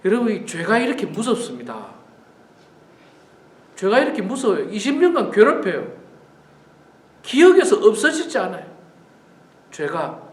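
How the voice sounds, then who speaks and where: A man's voice: sits high, very animated, normal speed, pauses often, reverberant. A male pastor giving an earnest, emphatic morning prayer sermon, repeating key phrases. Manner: earnest, repetitive, emphatic preaching.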